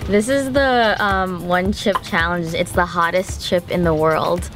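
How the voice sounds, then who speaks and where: A woman's voice: on the low side, steady tone, measured pace, over music. A young woman chatting casually in an office, recorded on a camera mic. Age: young adult. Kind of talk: casual chat. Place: open-plan office.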